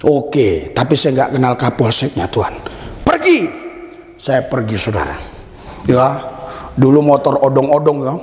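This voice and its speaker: A man preaching a sermon as a pastor, telling a story with acted-out dialogue and bursts of shouted praise. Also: mid-range voice. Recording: echoey hall with long reverb.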